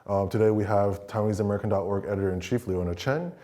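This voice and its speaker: Low, mellow-voiced male host. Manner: casual, halting questions with fillers. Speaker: news show host. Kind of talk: interview hosting.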